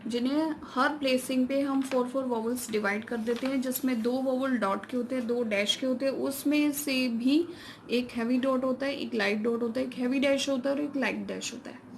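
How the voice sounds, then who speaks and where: A woman's voice: sits high, steady tone, vocal fry, slight background noise. Woman teaching a shorthand lesson. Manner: mixes Hindi with English terms, reads English rules out slowly. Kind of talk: classroom lesson explaining step by step.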